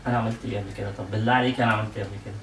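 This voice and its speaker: A man's voice: lowish voice, steady tone, very fast, creaky, faint music behind. A young Egyptian man pranking his wife at home, stammering through defensive denials, recorded on a phone set across the room. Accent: Egyptian Arabic. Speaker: prankster husband, channel co-host. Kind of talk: casual prank argument at home. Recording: echoey room, camera far off, noisy.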